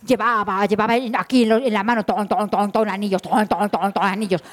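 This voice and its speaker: A woman's voice: medium pitch, fairly even intonation, a little fast. A woman storyteller, telling a tale live, playful and full of sound effects and asides. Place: event hall.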